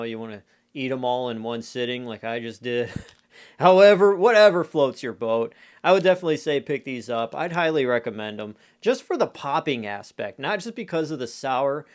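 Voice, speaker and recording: An adult man talks through a casual food review at a middle pitch. His delivery is conversational and rambling, as if thinking aloud, with plenty of everyday filler phrases. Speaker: candy reviewer.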